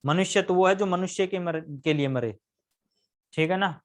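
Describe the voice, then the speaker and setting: A man's voice: sits high, normal speed. A man teaching a live grammar lesson, constantly quizzing his students with questions and answering them himself.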